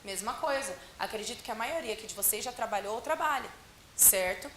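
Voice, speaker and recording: A woman's voice: on the high side, animated, fairly quick, fairly bright tone. A woman Portuguese teacher giving a classroom lecture, often asking the class questions and answering them herself. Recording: roomy classroom with faint hiss.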